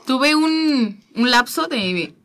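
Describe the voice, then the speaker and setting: A woman, guest on a talk show, telling a personal faith story in an earnest, halting way, often repeating her words. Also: high voice, lively intonation, a bit bright.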